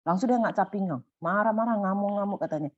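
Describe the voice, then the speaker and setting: A middle-aged woman telling a personal story in a casual, animated way, going high when excited and soft when calm. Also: quick pace, no echo. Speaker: volunteer sharing a personal story. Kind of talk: casual storytelling in a sharing session. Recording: muffled dry sound.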